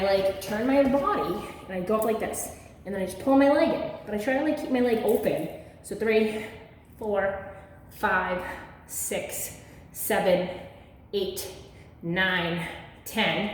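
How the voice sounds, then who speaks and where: A chatty woman talks through a home workout, filling her sentences with little asides, slightly winded from the effort. Her voice has an ordinary middle pitch. It rings through an echoey room with a long reverb tail. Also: slight background noise. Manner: chatty, filler-heavy, lively. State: slightly out of breath. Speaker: fitness vlogger. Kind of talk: casual workout demonstration.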